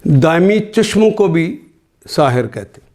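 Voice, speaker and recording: A man teaching a word-by-word Quran translation, reciting each verse slowly and then explaining every word in plain, patient teaching. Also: fairly high pitch, expressive, darkish tone. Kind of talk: word-by-word scripture lesson.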